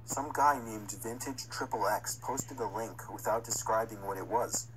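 A man's voice: on the low side, normal speed, rough recording. A man reading a scripted first-person horror story as its narrator. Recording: music under the narration. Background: music.

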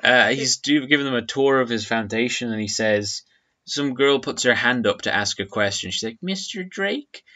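A man co-hosting a casual film review chat, joking and acting out scenes in quick impressions. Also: medium pitch, steady tone, pushed and bright.

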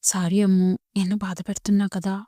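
A woman's voice: mid-range voice, flat delivery, fairly quick, warm tone, no echo, studio quality, close to an everyday voice. A woman voicing a stubborn, blunt young husband in a storybook reading, speaking curtly. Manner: curt, scolding.

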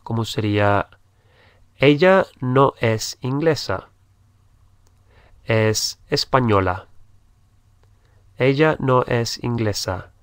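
A man's voice: medium pitch, animated, extremely slow, long pauses, smooth, dry recording. A man teaching a language lesson, patiently repeating each phrase and spelling out letters. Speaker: English teacher. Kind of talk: slow spoken language lesson.

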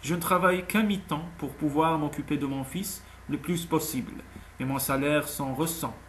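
A man's voice: on the high side, normal speed, a little hiss or hum, natural voice. A man voicing a proud, anxious young single mother in an audiobook, speaking earnestly. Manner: earnest, tense, pleading. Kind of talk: audiobook character voice.

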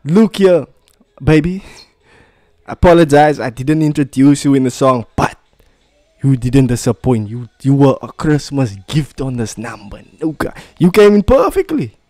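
A man's voice: medium pitch, moderate pace, no room sound. A young man with a broad Cape Town South African accent giving casual, slangy music reaction commentary, emphatic and repeating himself, close on a studio microphone. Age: young adult. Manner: animated, emphatic, repetitive, swearing. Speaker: music reaction video host. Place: small plain room indoors. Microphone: close studio microphone on boom arm.

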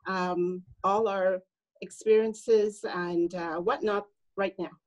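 A woman lawyer in her sixties, originally from Hong Kong, introduces herself on a panel video call. She speaks graciously and articulately, with the odd um. Her voice sits at an ordinary middle pitch. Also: steady tone, slow pace, poor audio. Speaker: real estate lawyer.

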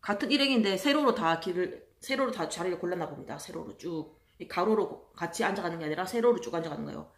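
A woman telling stories in a casual monologue, chatty and exasperated, acting out other people in loud voices. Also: on the low side, animated, fast talker, hardly any pauses. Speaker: vlogger.

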